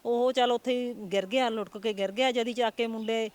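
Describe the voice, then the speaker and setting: A woman's voice: on the high side, steady tone, fairly quick. A middle-aged woman from Punjab, India, a grieving mother answering interview questions in a plaintive voice, repeating her complaints.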